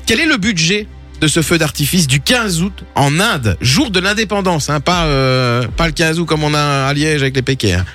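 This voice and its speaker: A man's voice: on the high side, animated, moderate pace, a bit bright, faint music behind. A man presenting a quiz on a radio show, in playful banter with co-hosts.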